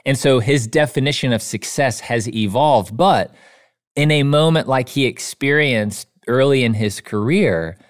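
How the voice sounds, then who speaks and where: A man's voice: mid-range voice, measured pace. A man, an author being interviewed, who talks earnestly in a storytelling way and often says "you know". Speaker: author and guest. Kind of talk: casual interview chat.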